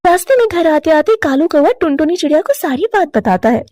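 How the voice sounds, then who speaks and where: A woman narrating a cartoon story in a steady, scripted storytelling manner. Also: high-pitched, a little fast, dry recording, studio quality.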